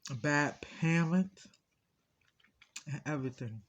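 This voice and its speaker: Slow-talking man with his mouth full. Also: a little high, fairly bright tone, muffled recording. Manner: talking with mouth full while eating, in short halting phrases; aggrieved, insistent, repeating phrases. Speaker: vlogger. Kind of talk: casual mukbang storytime.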